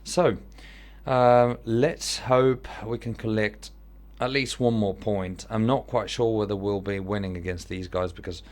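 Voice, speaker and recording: A man's voice: on the low side, fairly even intonation, unhurried. A man with an Italian accent giving casual commentary on an online football manager game, thinking aloud as he weighs his choices.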